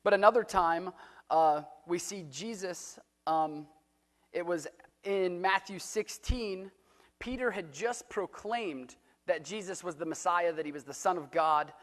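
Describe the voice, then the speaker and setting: A man with a slightly higher voice gives a relaxed, conversational sermon, full of fillers and restarts. His voice rings with a long church-hall reverb. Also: unhurried. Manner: casual and chatty, with frequent fillers and restarts. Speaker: preacher. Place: church sanctuary.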